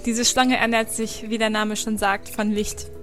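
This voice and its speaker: Actress as poised high-voiced shopkeeper woman. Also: little pitch movement, measured pace, fairly bright tone, soft background music. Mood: matter-of-fact. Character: flirtatious, poised female exotic animal seller. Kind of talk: comedic audio drama acting.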